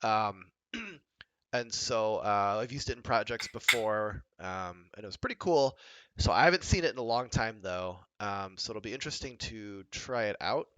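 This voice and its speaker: A man co-hosting a coding livestream in a casual, halting way with many ums, speaking into a headset mic. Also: fairly low pitch, expressive, bright, forceful tone, dull audio. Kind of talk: casual live coding chat.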